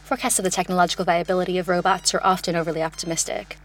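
Female narrator for an opinion podcast: slightly low voice, smooth and composed like an audio guide, conversationally wry, light music bed. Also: flat delivery, racing. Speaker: podcast host.

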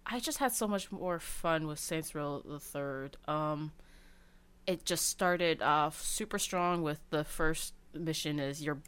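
A woman with a notably low voice talks casually about her favorite video games. She rambles, stacking fillers and restarting sentences as she goes. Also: slow pace, fairly bright tone, clear, resonant tone. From Cantonese family background.

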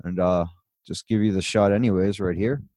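A man's voice: low voice, fairly even intonation, normal speed, dark tone, dry recording, studio quality. A man hosting a live show in casual chat, rambling along with easygoing asides. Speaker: host.

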